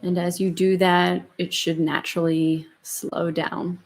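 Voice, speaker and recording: A woman leading a guided meditation as a yoga instructor, in a soft, soothing, slow murmur with long pauses between phrases. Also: on the low side, level tone.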